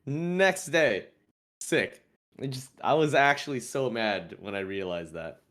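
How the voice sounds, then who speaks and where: Man, raspy voice, sore throat, casual podcast talk, mid-pitched. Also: expressive, a little slow, fairly bright tone. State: throat still sore after illness. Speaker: podcast co-host. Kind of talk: casual chat.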